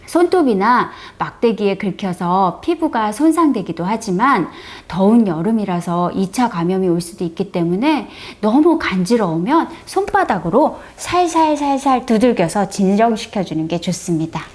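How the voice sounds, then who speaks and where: A woman's voice: mid-range voice, animated, normal speed, hardly any pauses, darkish tone. A middle-aged woman chatting through a step-by-step home demonstration, friendly and explanatory, presenting for a brace clinic. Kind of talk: casual how-to demonstration.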